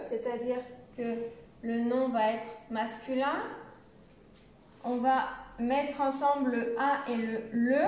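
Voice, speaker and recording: High-voiced French teacher in echoey room. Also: female voice. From France. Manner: slow, careful enunciation of example phrases. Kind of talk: beginner language lesson.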